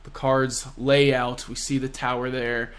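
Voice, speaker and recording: A young man casually and excitedly recapping a manga chapter, full of slang and fillers. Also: mid-range voice, measured pace. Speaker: manga reviewer.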